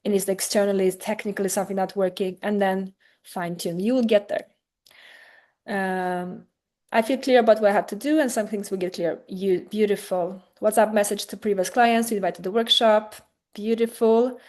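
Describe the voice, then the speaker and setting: Energetic woman coaching a live workshop. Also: medium pitch, normal speed. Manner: energetic, enthusiastic, talks straight to participants. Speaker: business coach hosting a workshop. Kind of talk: live online workshop, answering chat questions.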